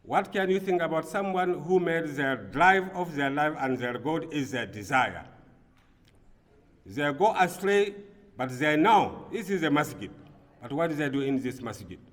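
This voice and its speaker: A man from Burkina Faso giving a Friday sermon as imam, earnest, swinging between quiet passages and emphatic bursts. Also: fairly high pitch, expressive, measured pace. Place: mosque prayer hall. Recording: long reverb of a mosque hall.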